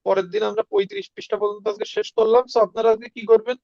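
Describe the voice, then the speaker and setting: A man's voice: high voice, steady tone, racing, creaky, dry recording. A man leads a casual online class. He is patient and repeats each word for his students. The audio is dull and lo-fi, with a dry sound. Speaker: language teacher.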